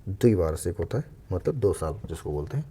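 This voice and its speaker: A low, gravelly male voice, dark and mellow in tone, walks students through a spelling lesson. He breaks each word down step by step, repeats it slowly, and drops in as he goes. Faint background noise sits under the recording. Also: big pitch swings. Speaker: Hindi exam coach. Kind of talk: spelling lesson for exam aspirants.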